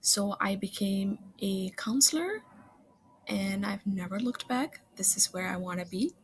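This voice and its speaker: A school counselor from Singapore introduces herself over a slideshow, talking in a friendly, conversational way, recorded on a laptop webcam at home. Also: female voice, medium pitch, a little slow, slight background noise. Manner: friendly, conversational with occasional fillers. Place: home room, webcam in corner of screen share.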